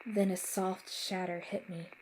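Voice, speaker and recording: Slow, measured woman narrating a horror story. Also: lowish voice, flat delivery, slight background noise, low-quality recording.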